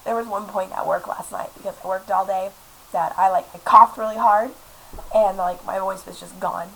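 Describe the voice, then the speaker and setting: A sick, congested woman in her twenties rambles to her laptop webcam in a small apartment room, filling her casual chat with fillers. Her mid-range voice stays fairly even at a moderate pace, and the lo-fi webcam audio carries a faint hiss.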